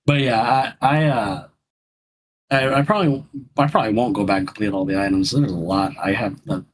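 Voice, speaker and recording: A man co-hosting a podcast in casual chat, rambling and halting, with many restarts. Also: lowish voice, poor audio. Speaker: podcast co-host.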